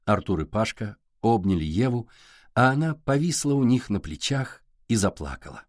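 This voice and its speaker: A man reading a novel aloud as an audiobook narrator, with even, unhurried storytelling. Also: fairly low pitch, no echo, clean studio sound. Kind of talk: scripted narration.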